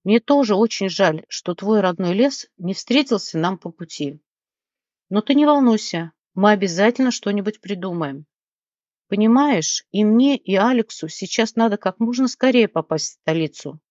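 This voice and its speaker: A woman reading an audiobook and voicing a kind, quick-tempered young heroine who speaks earnestly and consolingly. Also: medium pitch, animated, a little mellow, dry recording, close to an everyday voice. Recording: dull, dry lo-fi recording.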